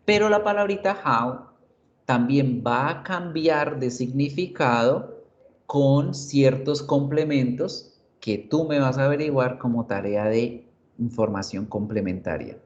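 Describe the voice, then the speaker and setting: A man teaches an online class at an unhurried, deliberate pace. He often stops to check that students are following. The recording sounds dull and lo-fi. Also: mid-range voice. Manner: explains slowly, checks in with "right?" and "¿sí?". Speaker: English teacher.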